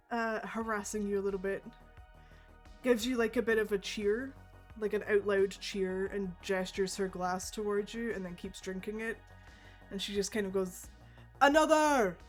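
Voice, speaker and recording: A woman running a tabletop game, narrating casually and easily with lots of fillers. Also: mid-range voice. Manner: casual and easygoing, with many fillers. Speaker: game master.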